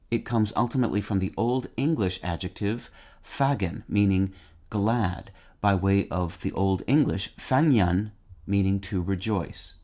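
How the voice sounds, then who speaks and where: A man hosting a short vocabulary segment, reading a script in a measured, wry and precise way and spelling words out letter by letter. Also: on the low side, darkish tone. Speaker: word-of-the-day host.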